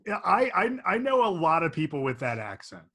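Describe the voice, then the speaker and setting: A man's voice: on the high side, sing-song, fairly quick, sharp tone. A young man co-hosting a podcast, chatting casually in a reflective, easygoing way and laughing often. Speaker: podcast co-host. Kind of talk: casual chat.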